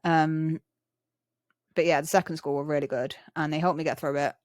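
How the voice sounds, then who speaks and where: Casting: young woman, English chav-style accent, rough slang, casual chatty delivery, dry recording. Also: sits low, steady tone, moderate pace, darkish tone, no room sound. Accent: English, chav-style street slang. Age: young adult. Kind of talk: casual chat.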